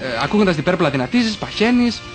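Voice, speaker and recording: A man hosting a music show on the radio, his voice sitting a little high for a man. He chats casually and keeps teasing his guest. Faint music plays underneath. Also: expressive. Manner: teasing, joking. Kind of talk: casual on-air banter. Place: radio studio.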